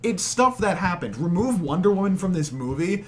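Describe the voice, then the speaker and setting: A man's voice: sits high, big pitch swings, moderate pace, fairly bright tone. A man in a casual group movie discussion, speaking in an emphatic, opinionated way. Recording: faint background room noise.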